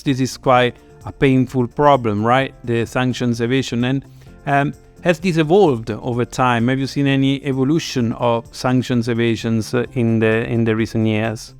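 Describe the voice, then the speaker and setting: A man's voice: medium pitch, clear, resonant tone. A man hosting an interview over a video call, polite and hesitant, with many fillers. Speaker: host.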